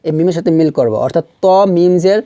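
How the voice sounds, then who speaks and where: Guy teaching quran reading, soft warm voice, says each sound twice, asks then answers himself. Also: a little high, dry recording, studio quality. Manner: patient, repeats sounds and syllables slowly to demonstrate pronunciation. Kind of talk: step-by-step recitation lesson.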